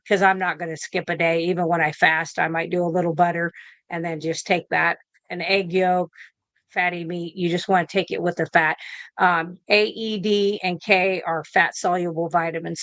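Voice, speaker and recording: Answering questions as a guest on a casual video call, a woman in her fifties who works as a nurse rambles, using fillers and restarting often. Her voice is fairly low with a fairly bright tone, and there is no echo.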